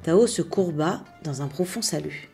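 A woman reading a bedtime tale aloud in a calm, measured storytelling manner. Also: low-pitched, creaky, breathy edge, faint music behind.

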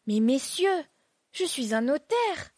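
A flustered, timid middle-aged notary performed by a woman narrator pleads in a raised, high voice. The storybook reading is close and dry. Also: big pitch swings, slow pace, dry recording, heavily acted. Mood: pleading. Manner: pleading, agitated.

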